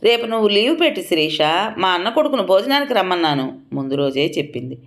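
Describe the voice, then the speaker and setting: A woman's voice: medium pitch, very animated, fast, natural voice. List: woman narrator playing an older mother-in-law, bossy, indignant, scolding. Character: proud bossy mother-in-law, quick to anger.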